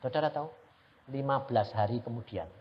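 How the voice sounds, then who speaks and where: A man's voice: mid-range voice, a little fast. A middle-aged man, preaching a sermon as an evangelist and telling stories with acted-out dialogue and laughter. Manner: animated storytelling, acting out dialogue, frequent laughter. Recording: dull lo-fi recording.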